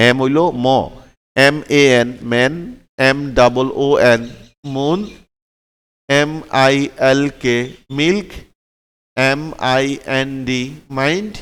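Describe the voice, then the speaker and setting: A man's voice: mid-range voice, a bit bright, smooth, in a large hall. A man teaching English letter sounds, spelling words out letter by letter and repeating them patiently, often checking in with his learners.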